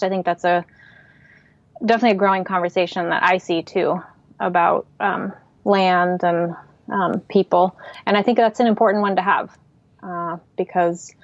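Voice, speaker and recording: A writer and artist from the Pacific Northwest of the United States, who grew up speaking Swedish at home, talks reflectively as a guest in a casual podcast interview, using frequent fillers. Her voice is fairly low, and the audio is dull with no room sound.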